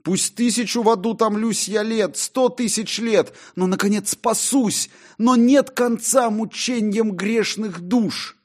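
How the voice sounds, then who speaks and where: A male audiobook narrator voicing a despairing, doomed Faust, declaiming in a high, strained voice. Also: a little slow, few pauses. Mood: anguished.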